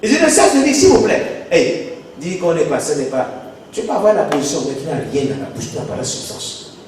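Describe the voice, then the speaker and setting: Animated pastor. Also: male voice, a little high, fairly quick, slight background noise. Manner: emphatic, repeats rhetorical questions. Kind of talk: sermon. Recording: echoey hall, voice far from mic.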